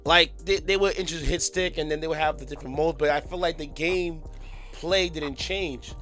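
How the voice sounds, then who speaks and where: Man, podcast co-host, casual agreeable chat, higher pitch, faint music behind. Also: moderate pace, a bit bright. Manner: agreeable, lots of yeahs and backchannel.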